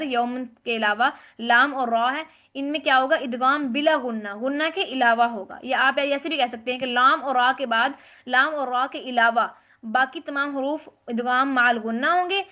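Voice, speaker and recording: Female tajweed teacher, bright and sharp voice, recites slowly. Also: high-pitched. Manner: explains rules step by step, asks and answers own questions; recites Arabic words slowly and drawn out. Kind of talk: tajweed lesson.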